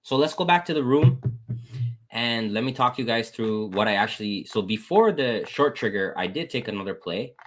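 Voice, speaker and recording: A man's voice: animated, moderate pace. A man casually walking viewers through his trades on a screen share, talking to them as "guys" and calling out wins. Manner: casual, repeats "guys" and "boom", thanks chat members. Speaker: trading educator.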